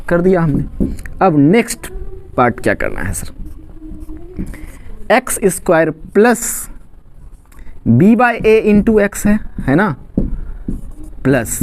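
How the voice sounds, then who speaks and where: A man's voice: high voice, darkish tone, dry recording. A man from Bihar speaks as a maths teacher explaining a lesson step by step. His voice rises and falls a great deal. He keeps asking questions and answering them himself. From Khagaria, Bihar, India. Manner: asks questions and answers them himself, says "ठीक" often.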